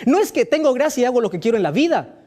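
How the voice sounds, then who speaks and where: Man, pastor, sermon, emphatic rhetorical questions, swooping lively pitch. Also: rapid-fire.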